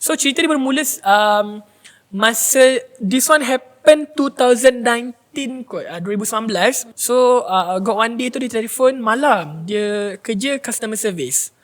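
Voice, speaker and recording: A woman's voice: fairly high pitch, a little slow. A woman on a podcast panel, telling a personal story in casual chat, acting out the voices of the people in it and slipping into English now and then. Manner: animated storyteller, acts out quoted voices, mixes in English.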